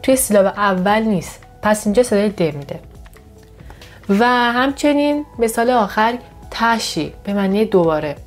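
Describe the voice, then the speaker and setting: A woman's voice: medium pitch, expressive. Woman tutor walking through pronunciation rules, patient, repeats example words carefully, faint music behind. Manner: patient, explains with examples, pronounces model words slowly and brightly. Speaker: Korean language teacher. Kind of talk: step-by-step lesson narration.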